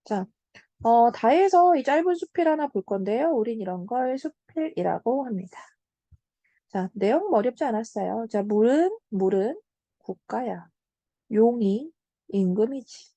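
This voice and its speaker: A young woman with a fairly high, mellow voice gives an online literature lesson. She explains patiently, checks in with her student and slows down on key terms. The sound is close and dry. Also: lively intonation, no room sound. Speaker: Korean literature tutor. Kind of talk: online lecture.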